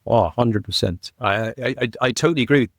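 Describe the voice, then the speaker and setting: A man who is a podcast guest, telling a story in an animated, heartfelt way. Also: medium pitch, brisk, dry recording, clean studio sound. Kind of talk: conversational interview.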